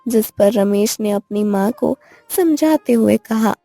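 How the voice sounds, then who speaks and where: A woman narrating an animated family story in a plain storytelling manner. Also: mid-range voice, slow, dry recording, faint music behind.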